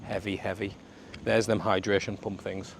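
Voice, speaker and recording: A man's voice: fairly low pitch, flat delivery, moderate pace, vocal fry. A man with a Sunderland accent chatting casually as he vlogs outdoors on the street, in a matey way full of regional slang. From Sunderland, north-east England. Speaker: travel vlogger. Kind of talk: casual walking vlog chat to camera. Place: outdoors on a suburban street in the rain. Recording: outdoor street and traffic noise.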